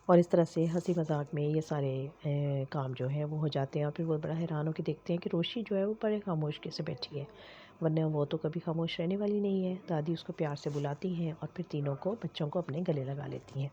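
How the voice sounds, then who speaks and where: Low-voiced woman recapping a drama. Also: dark tone. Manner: unhurried retelling with frequent hesitations. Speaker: drama reviewer. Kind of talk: episode recap narration. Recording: dull lo-fi recording.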